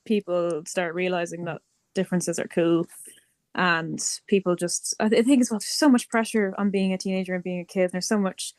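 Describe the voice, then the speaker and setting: A woman's voice: fairly low pitch, steady tone, fairly quick, no echo. A woman with an Irish accent chatting fluently in a casual interview as a band member.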